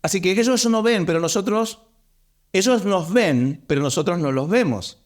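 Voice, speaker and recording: A man's voice: high voice, lively intonation, moderate pace. A man with a Rioplatense accent preaching a sermon as pastor, stressing points by repeating words. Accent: Rioplatense Spanish.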